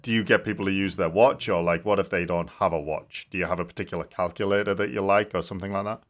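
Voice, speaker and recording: A man's voice: low voice, steady tone, fast. A man hosting a podcast, chatty and curious, laughing easily while asking questions. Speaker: podcast host. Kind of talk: casual podcast interview.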